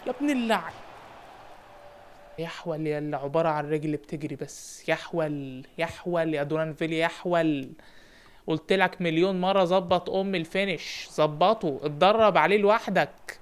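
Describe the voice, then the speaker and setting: A young man with an Egyptian Arabic accent, giving lively, animated commentary while playing a football manager game and shouting encouragement at his players. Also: fairly high pitch, a little fast, smooth. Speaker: gaming YouTuber.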